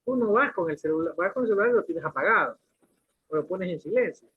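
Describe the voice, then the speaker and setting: A man teaches a class in a fast, animated manner, his high voice slightly rough on a lo-fi, phone-like recording. He keeps restarting sentences while using questions and everyday examples to make his points.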